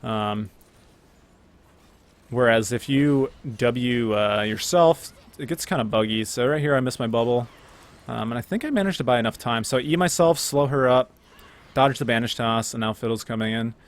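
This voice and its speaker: His medium-pitched voice moves at a moderate pace as this young man casually narrates his own gameplay. He's chatty and relaxed, with frequent fillers and self-corrections.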